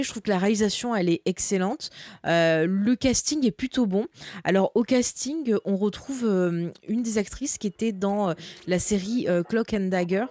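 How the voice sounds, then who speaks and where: A woman's voice: mid-range voice, a little mellow, dry recording. A woman co-hosting a casual podcast, chatty and enthusiastic as she recommends a show. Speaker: podcast co-host. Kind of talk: casual chat.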